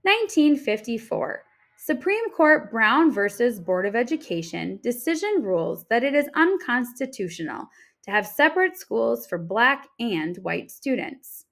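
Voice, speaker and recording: Reading an informational picture book aloud the way a teacher would, this woman phrases things deliberately and expressively for children. Her pitch is fairly high, with some vocal fry.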